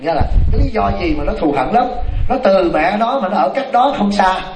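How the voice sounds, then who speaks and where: A man, a Buddhist monk telling a story in a dharma talk, animated and speaking straight to his listeners. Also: sits high, a little fast, a crowd in the background. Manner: animated, addresses the audience directly. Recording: echoey room, mic far off, noisy.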